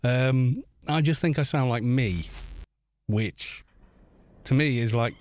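This slow-talking Welshman in his fifties, whose accent has some northern English in it, gives loose, laughing commentary on a game he is streaming and reads chat aloud. His voice is medium-pitched and darkish, captured in a dry recording.

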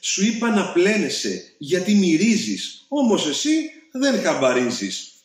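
A man's voice: sits high, big pitch swings, pitched above the performer's own voice. A man voicing a bossy, nagging mother in a storybook reading, scolding shrilly. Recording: very echoey room.

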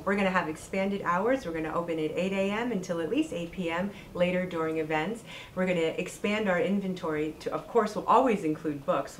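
A woman in her forties who owns a bookstore, speaking earnestly to camera in a fundraising pitch on a lapel mic. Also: a little hiss or hum, rough recording. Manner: warm, earnest, heartfelt. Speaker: bookstore owner. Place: bookstore interior and outdoor porch.

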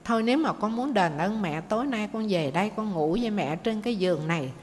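A woman's voice: mid-range voice, expressive, quick pace, darkish tone, natural voice. A woman voicing a tender, soothing old mother speaking to her grown son. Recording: faint noise, long hall reverb.

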